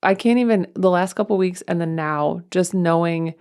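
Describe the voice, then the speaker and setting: Woman, podcast co-host and mom; rambling casual chat, lowish gravelly voice. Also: normal speed, a little mellow. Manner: rambling, chatty, many fillers.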